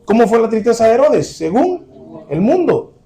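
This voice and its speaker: A man's voice: extremely high pitch, big pitch swings, moderate pace, warm tone. A man preaching a sermon to his congregation, earnest and direct, repeating his key points.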